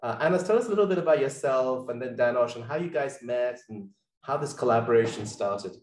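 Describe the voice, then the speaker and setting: A man's voice: medium pitch, expressive, brisk, a little mellow, reverberant, slight background noise. A man co-hosting an interview, joking and leaning on hesitant fillers. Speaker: podcast co-host.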